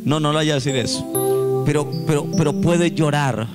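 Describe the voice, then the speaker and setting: A man's voice: fairly high pitch, steady tone, moderate pace, loud music behind the voice. A man preaching a sermon in a church, reading scripture aloud and rising into sung, pleading prayers. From Colombia. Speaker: pastor.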